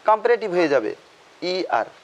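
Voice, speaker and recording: Fairly high-voiced male teacher. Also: big pitch swings, a little fast, lo-fi sound. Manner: asks questions and answers them himself, repeats key terms. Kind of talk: classroom grammar lesson.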